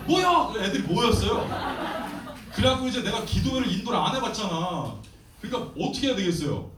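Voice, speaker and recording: Man, thirties, missionary preacher; animated storytelling, higher voice, roomy hall sound with faint noise. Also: fast. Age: 30s. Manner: animated storytelling with acted quotes. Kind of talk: sermon testimony. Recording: echoey hall, distant mic, faint noise.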